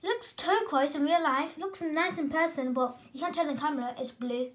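A female gaming vlogger who sounds excited as she unboxes and talks through a new console in a casual, rambling way, often correcting herself mid-sentence. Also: high voice, normal speed. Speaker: gaming channel host.

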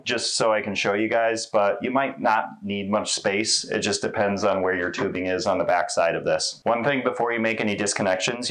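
Man, thirties, fairly low voice, relaxed chatty instructions, lapel mic. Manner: relaxed, conversational, with fillers. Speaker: installation demonstrator. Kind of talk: casual how-to walkthrough. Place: small indoor laundry room.

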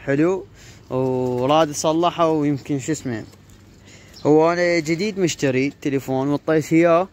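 This Iraqi YouTuber and pigeon keeper has a higher, darkish voice and talks at a moderate pace in an Iraqi Arabic accent. He rambles informally into a handheld phone, repeating filler phrases, while vlogging from an outdoor pigeon yard with cages. Pigeons coo and faint noise sits in the background.

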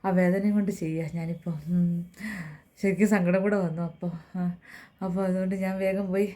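A woman's voice: lowish voice, little pitch movement, fairly quick, dark tone. A middle-aged woman, chatting to the camera in a casual home vlog while doing chores with a sore, hurt hand. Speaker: home vlogger.

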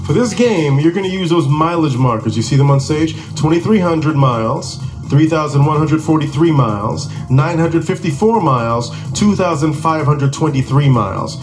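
A man's voice: on the high side, lively intonation, moderate pace, hardly any pauses. A man hosting a game show in a TV studio, talking a contestant through the game. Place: large TV studio. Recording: music and crowd behind. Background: music and studio audience.

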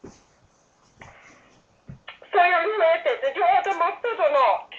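A woman's voice: very high-pitched, animated, a little slow. A woman speaking over the phone line, playing a bossy, playful shopkeeper in an improvised pretend call.

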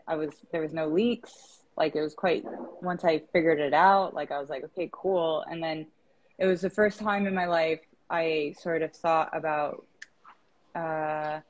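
A woman's voice: low voice, poor audio. A woman in her thirties from East Africa, a founder talking as an interview guest over a video call, chatty with lots of fillers and restarts.

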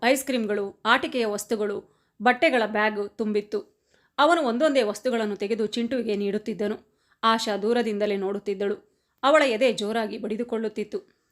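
A woman reading a family story aloud as scripted narration, in a steady, even voice. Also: medium pitch.

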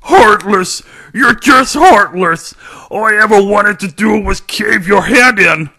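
A hot-tempered cartoon skunk brawler, with a gritty, forceful voice. He swings widely in pitch and drags his threats out slowly. The delivery is aggressive and taunting, full of street-tough swagger. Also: expressive, exaggerated voice. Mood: wounded outrage. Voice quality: gravelly, rough. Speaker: amateur voice actor. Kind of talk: cartoon character voice demo.

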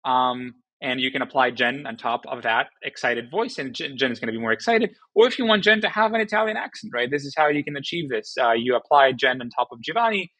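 A man casually explaining software features in a tutorial, relaxed, with frequent fillers and restarts. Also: mid-range voice, fairly quick, few pauses, low-quality recording. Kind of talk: casual screen-recording walkthrough.

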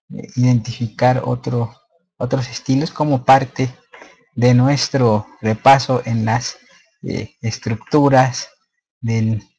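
Husky guy giving a slide lecture, lots of ums and restarts, muffled lo-fi recording. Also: mid-range voice, warm tone. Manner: hesitant, many fillers and restarts. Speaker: presenter of codex slides. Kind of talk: unscripted lecture over slides.

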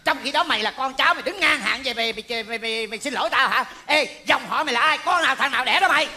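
Một nam diễn viên đóng vai ông dượng trung niên nóng tính, hay chửi mắng, trong một vở hài kịch trên sân khấu. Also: male voice, racing, pushed and bright, exaggerated voice. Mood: furious. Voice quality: shrill, scolding. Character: hot-tempered middle-aged male uncle, loud-mouthed. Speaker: comic actor. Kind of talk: stage comedy skit. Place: theatre stage with live audience.

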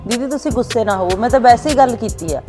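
A woman playing a gentle young daughter-in-law with an Indian Punjabi accent, softly pleading. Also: a little high, lively intonation, fast, natural voice. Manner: soft, pleading. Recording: background music under the speech. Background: music.

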